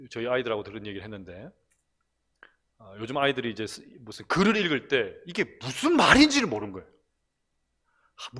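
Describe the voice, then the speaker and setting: Animated middle-aged preacher with Gyeongsang accent. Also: male voice, mid-range voice. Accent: Gyeongsang Korean. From Gyeongsang region, Korea. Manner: conversational, animated, laughs at own stories. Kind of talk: sermon. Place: church, recorded from broadcast room.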